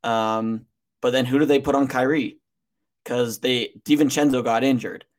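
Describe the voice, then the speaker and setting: A man co-hosting a casual sports podcast, giving measured opinions and pausing often with ums. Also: mid-range voice, fairly even intonation. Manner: measured, pauses with frequent ums.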